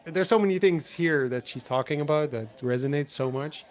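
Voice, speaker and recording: A man hosting a podcast in casual conversation, talking in loose, restarting sentences with animated bursts. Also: on the high side, moderate pace. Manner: rambling, many restarts, animated. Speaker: podcast host.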